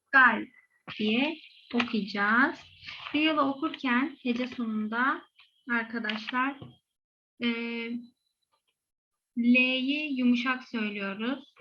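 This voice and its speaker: Patient Korean woman teaching slowly. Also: on the high side, dull audio, a little hiss or hum. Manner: patient, repeats each word two or three times. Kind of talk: slow step-by-step lesson, repeating example words.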